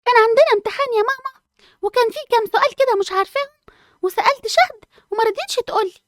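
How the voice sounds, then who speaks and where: A woman's voice: very high-pitched, racing, no echo, clean studio sound. A woman voicing a whiny, lazy schoolgirl twin with an Egyptian accent. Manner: whiny, complaining.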